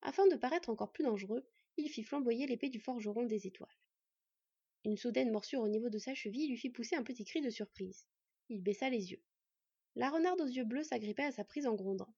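A woman reads a fantasy story aloud in an even, measured narrating voice. Her voice is a bit high and breathy, recorded dry with a slightly dull, lo-fi sound. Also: no echo. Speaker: audiobook narrator.

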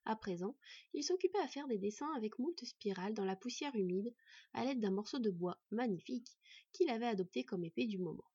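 A woman narrating a fantasy story in a steady, measured reading voice. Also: fairly high pitch, breathy edge, dry recording. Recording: dry, slightly dull recording.

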